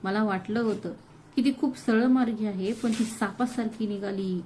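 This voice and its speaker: A woman voicing a scornful, bitter older mother-in-law in an audio story, shrill and accusing. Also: fairly even intonation, moderate pace, warm tone, a little hiss or hum, lightly acted, low-quality recording.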